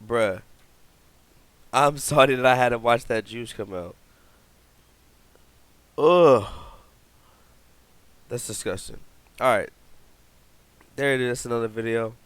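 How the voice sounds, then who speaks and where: Laughing young man reacting slowly. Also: mid-range voice, clear, resonant tone, dry recording. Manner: laughs often, loud exclamations. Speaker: reaction video host. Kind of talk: casual reaction commentary.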